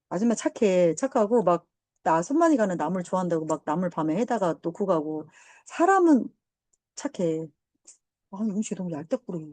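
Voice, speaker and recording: A woman English teacher lecturing a high school class, drifting into chatty personal stories. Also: mellow, dry recording. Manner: chatty, banmal asides, quick tangents. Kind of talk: lecture mixed with casual storytelling.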